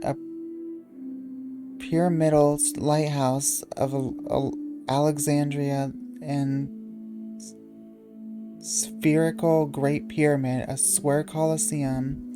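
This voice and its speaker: A sleepy, yawning woman hosting a channel, reading wiki entries aloud in a halting way and stumbling over words. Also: sits low.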